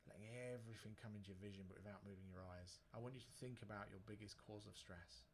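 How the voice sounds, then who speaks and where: A man's voice: on the low side, steady tone, quick pace, slight background noise. A man giving a guided relaxation lesson in an informal, conversational way, as a breathing instructor. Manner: informal, conversational, with joking asides. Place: indoor room near a busy road. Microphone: microphone within arm's reach, facing a screen.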